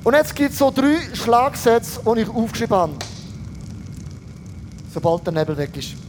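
Pastor guy, middle-aged, really high voice, punchy sermon, throws in english words. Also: moderate pace, background noise. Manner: energetic, mixes English phrases into German.

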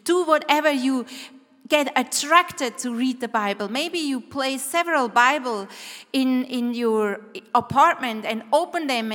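A middle-aged or older woman delivers a devotional sermon in a somewhat high voice. Her pace is unhurried and deliberate, with phrases repeated for emphasis. The sound carries the long reverb of a hall. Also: a bit bright. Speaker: preacher. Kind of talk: devotional sermon with guided exercises.

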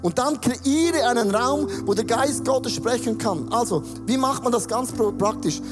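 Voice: medium pitch, a little slow, long reverb tail, loud music behind the voice. A pastor preaching a sermon on a church stage, earnestly acting out prayers and dialogue.

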